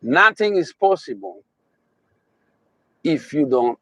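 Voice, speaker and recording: Slow, emphatic Haitian-accented man. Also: on the high side, sing-song, a bit bright, dry recording, rough recording. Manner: emphatic, repeating phrases, slow drawn-out stresses. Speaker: motivational speaker. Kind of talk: motivational talk.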